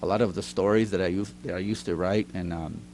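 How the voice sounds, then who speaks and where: A middle-aged teacher and writer with a low, steady voice speaks at a quick pace as a guest in a casual storytelling interview in a recording studio, with background noise. He's chatty, laughs often, and acts out quoted lines.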